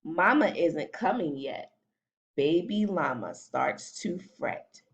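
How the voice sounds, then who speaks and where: A woman teacher reading a picture book aloud to children, animated and stopping often to ask them questions. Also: low voice, slow, gravelly. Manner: animated, asks children questions as she reads. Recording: dull lo-fi recording.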